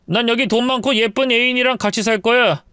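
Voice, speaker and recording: A man's voice: very high voice, brisk, pushed and bright, smooth, no echo, clean studio sound, voice pushed up. A woman voicing a cruel cheating husband who mocks and insults his wife. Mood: contemptuous. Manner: sneering, insulting. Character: cruel cheating husband, contemptuous, middle-aged.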